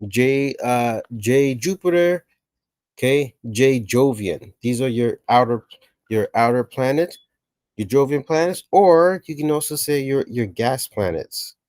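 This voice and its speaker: A man's voice: mid-range voice, lively intonation, a little slow, darkish tone, no echo. A man explaining a science reference table as a teacher, talking casually and often checking in with "okay" and "right". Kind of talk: explainer lesson narration.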